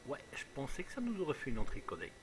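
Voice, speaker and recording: A man's voice: mid-range voice, wildly swooping pitch, quick pace. A man giving casual, jokey let's play commentary, musing aloud as he plays. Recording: clearly noisy home recording.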